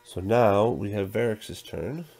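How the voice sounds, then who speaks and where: Deep-voiced man narrating a board game. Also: slow pace, creaky, breathy edge, soft background music. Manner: counts dice out loud, thinks through moves. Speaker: tabletop game player narrating a playthrough. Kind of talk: casual play-by-play, reading game text aloud.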